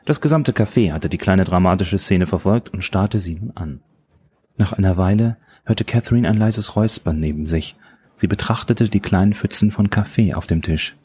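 A man giving steady, measured scripted narration of an audiobook. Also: sits low, a little hiss or hum.

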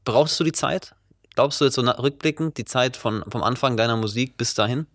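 A man's voice: medium pitch, fairly quick, a bit bright, no echo. Curious male interviewer, dry close sound. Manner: curious, conversational questions. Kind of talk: casual interview talk.

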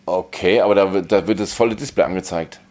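A man with a very low voice co-hosting a tech podcast. He explains gadgets in a plain, matter-of-fact way. He keeps a casual, conversational tone. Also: fast talker, a little mellow. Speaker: podcast co-host.

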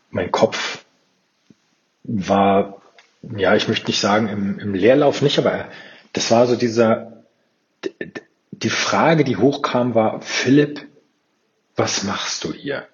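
A man, a purpose coach, talking straight to his listener about a personal turning point, often restarting and repeating words. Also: fairly low pitch. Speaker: purpose coach and podcast host. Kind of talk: reflective monologue to the listener. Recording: dull lo-fi sound.

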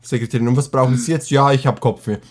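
A teenage boy chatting casually as a podcast co-host, telling a school story in slangy, animated fashion. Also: mid-range voice, fast, husky. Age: teens. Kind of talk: casual chat.

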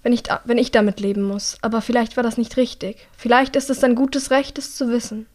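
A woman reading an audiobook, voicing a grieving young woman who speaks softly and tearfully. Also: fairly high pitch, little pitch movement, brisk, close to an everyday voice. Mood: sad. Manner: soft, tearful, often whispered. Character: grieving young woman, exiled and guilt-ridden.

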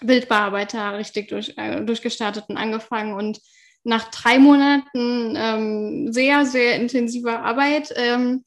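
Chatty young woman, higher voice. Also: steady tone, unhurried. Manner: chatty, laughs often, many fillers. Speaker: podcast guest. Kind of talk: casual storytelling chat.

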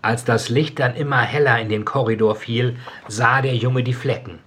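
A man, the author, reading a passage of his own novel aloud in a slow, measured way and then talking casually about the book. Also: mid-range voice, fairly even intonation, a bit bright, slight background noise.

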